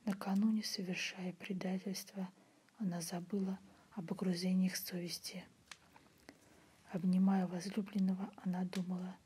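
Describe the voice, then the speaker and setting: A woman reads a literary story in a breathy, unvoiced ASMR whisper, softly and in a measured way. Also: mid-range voice. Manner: soft, measured literary reading. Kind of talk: whispered ASMR audiobook narration. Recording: faint background noise.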